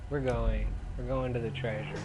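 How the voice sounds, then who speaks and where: A young man commentates casually on his game. His pitch sits in the middle, and he rambles in slang with some swearing. Game ambience and vehicle noise are clearly audible behind him. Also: fairly even intonation, normal speed, a little mellow. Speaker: gaming commentator. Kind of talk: casual let's play commentary. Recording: clearly noisy, game engine sounds behind.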